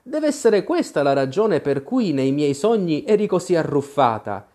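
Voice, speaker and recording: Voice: mid-range voice, very animated, normal speed, warm tone, natural voice. A storyteller voicing an eager, imaginative little girl in an audiobook, talking fondly and with a lilting lift. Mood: chattering fondly.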